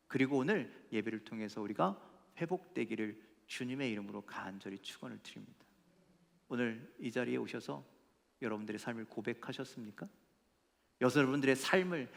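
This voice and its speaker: A man's voice: mid-range voice, gravelly, fairly bright tone. A male pastor preaching a sermon with emphatic rhetorical questions to his congregation. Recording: echoey church hall.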